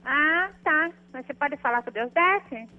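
A woman's voice: high voice, expressive, moderate pace, soft background music. A woman heard over a landline phone call, puzzled and asking who is calling. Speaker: prank call target. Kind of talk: phone conversation.

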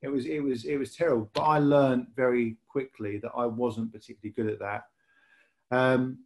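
A man from Lancashire, England, a rail industry manager, guests on a podcast and tells his story in a rambling casual interview, often repeating words and restarting. His mid-range voice is fairly even, a little mellow, and at normal speed, with a little hiss or hum.

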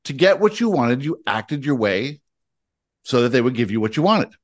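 A man acting as a spiritual teacher in a guidance session. He speaks as a collective "we" and works through slow, emphatic lists. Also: mid-range voice, sing-song. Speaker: spiritual teacher answering questions.

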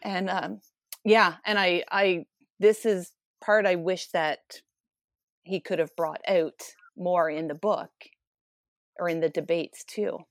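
A woman's voice: on the low side, steady tone, slow, no room sound. Reflective woman, dry close sound. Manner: reflective, emotional, rambling. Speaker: book club co-host. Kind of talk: casual book discussion.

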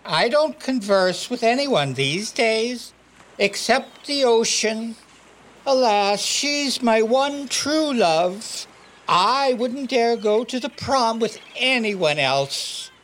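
An actor playing a gruff, salty old fisherman with a theatrical sea-dog drawl in a comedic noir audio drama. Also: very high-pitched, animated, slow pace, a bit bright, full character voice. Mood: wistful. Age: older.

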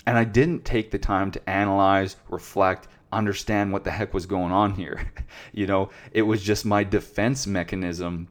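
A man's voice: deep voice, steady tone, moderate pace. A man hosting a self-help podcast, talking earnestly and reflectively and asking many rhetorical questions. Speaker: podcast host.

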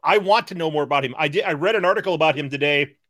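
A man's voice: on the high side, very fast, fairly bright tone, no room sound. A man hosting a podcast in casual chat, talking hesitantly with many restarts. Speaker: podcast host.

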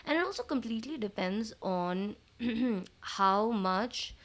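A woman's voice: fairly high pitch, animated, slow pace, fairly bright tone. South Indian woman explaining things casually. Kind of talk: casual conversational discussion.

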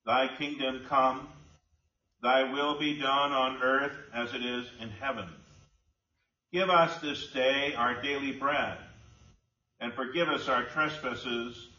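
A man leads the liturgy with solemn, measured prayers, his bright voice ringing around a cathedral echo. He is picked up from well back in the large sanctuary, and the recording sounds dull and muffled. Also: mid-range voice, steady tone. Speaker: pastor leading a liturgy. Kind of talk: formal liturgical intoning. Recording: dull, echoey church from far off.

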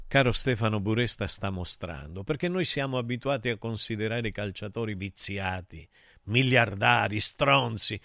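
Speaking straight to his listeners, a middle-aged show host reads their messages and drifts into emotional, rambling personal stories, an intimate confessional monologue. His voice is low-ish, creaky and a bit bright, recorded clean in a studio with no echo.

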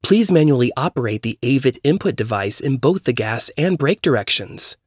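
A man voicing a calm, robotic female car computer that gives formal instructions. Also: mid-range voice, moderate pace, no room sound, studio quality, natural voice. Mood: instructional.

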